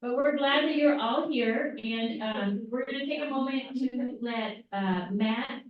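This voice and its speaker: A woman's voice: on the high side, a little slow. A woman with a Southern accent leading a group trip meeting in a chatty, rambling way. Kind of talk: casual group meeting talk. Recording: echoey dull room audio from far off.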